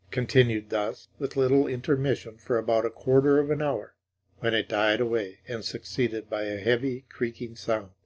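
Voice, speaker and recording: A man narrating a classic ghost story in measured, dramatic audiobook style. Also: mid-range voice.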